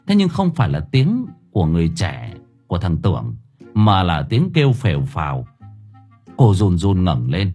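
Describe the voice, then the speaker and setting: A man narrating an audio story in a lively, unhurried storytelling manner. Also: low-pitched, slightly rough. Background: faint music.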